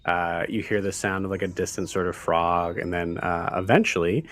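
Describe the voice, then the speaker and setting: A man narrating as game master of an online tabletop game, halting, with many fillers. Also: low-pitched, a bit bright, a little hiss or hum.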